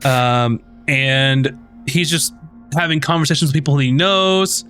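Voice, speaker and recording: A man narrating as game master, relaxed and rambling, with many ums and likes. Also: a little high, a little slow, faint music behind.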